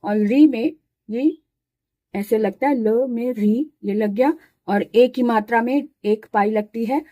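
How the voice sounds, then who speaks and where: A woman with a fairly high, mellow voice patiently walks through a spelling lesson, sounding out each syllable and repeating it. The sound is dry and close, with no room echo behind her. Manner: explains slowly, repeating syllables aloud. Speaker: Hindi teacher.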